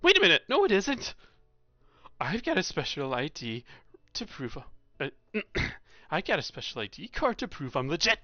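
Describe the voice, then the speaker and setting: A man voicing a bossy young hall monitor with animal ears who shouts indignantly at rule-breakers. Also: fairly high pitch, very animated, moderate pace, hardly any pauses, lo-fi sound, soft background music, exaggerated voice. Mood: flustered.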